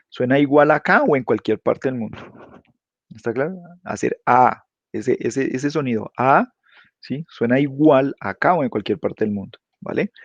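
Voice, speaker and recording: Male lecturer, mid pitch, tag-question habit, dry lo-fi recording. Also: dry recording. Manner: checks understanding constantly with quick tag questions. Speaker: teacher. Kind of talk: explanatory class lecture. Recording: dull lo-fi dry sound.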